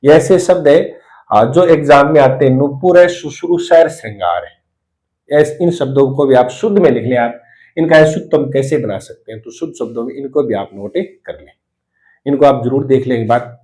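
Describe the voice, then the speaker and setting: A male Hindi lecturer giving a spelling lesson, explaining patiently and repeating each word slowly. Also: medium pitch, warm tone. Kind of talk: classroom lesson on correct spelling.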